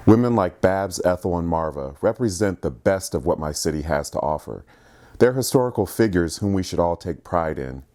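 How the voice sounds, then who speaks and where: A man from Columbus, Ohio, a journalist, narrating a scripted personal story in a measured, reflective way. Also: sits low, darkish tone. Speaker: journalist and filmmaker.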